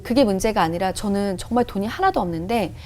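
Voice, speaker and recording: Animated woman sharing a faith testimony. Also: medium pitch, quick pace. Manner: animated storyteller who acts out her own past outbursts. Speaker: guest telling her faith testimony.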